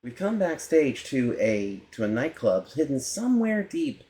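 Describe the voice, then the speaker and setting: A man hosting and narrating a casual documentary about a musician, chatty and quick to correct himself aloud. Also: medium pitch, very animated, mellow. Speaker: host.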